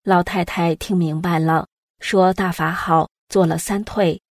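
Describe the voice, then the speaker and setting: A woman reading scripted news stories aloud in an even storytelling delivery. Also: lowish voice, measured pace, no echo, studio quality. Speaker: news reader.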